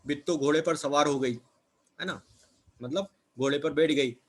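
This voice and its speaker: A man speaking at a normal pace in a fairly high voice teaches a children's textbook lesson. He poses questions and answers them himself, repeating words with little check-ins like "है ना" and "ठीक है".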